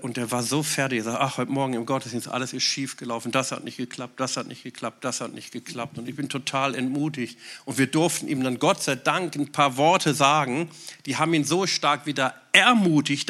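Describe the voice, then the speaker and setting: A man preaching a sermon, moving between loud emphatic lines and quiet asides. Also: mid-range voice. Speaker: pastor.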